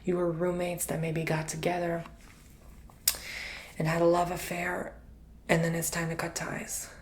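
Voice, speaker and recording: A man giving an intimate, chatty ASMR tarot reading, drifting between soft speech and whispers and calling the listener honey. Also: a little high, monotone, measured pace. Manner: repeats words for emphasis. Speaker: tarot reader.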